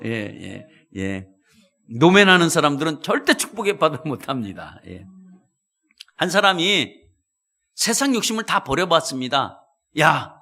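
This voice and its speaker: A male pastor preaching a sermon in a church, telling stories with animated delivery and speaking directly to the congregation. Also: on the high side. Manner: animated storytelling, addresses congregation.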